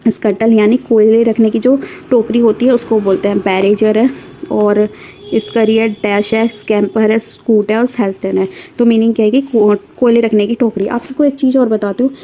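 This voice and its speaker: A woman's voice: mid-range voice, mellow, a little hiss or hum, poor audio. A woman teaching vocabulary in a casual recorded class, running through word lists with fillers and self-corrections.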